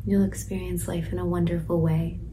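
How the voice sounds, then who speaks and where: A woman playing a pregnant sixteen-year-old girl in detention, speaking softly and slowly in a stage monologue, some lines whispered. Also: lowish voice, flat delivery, slight background noise, natural voice, low-quality recording. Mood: tender. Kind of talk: stage monologue, letter to her unborn baby.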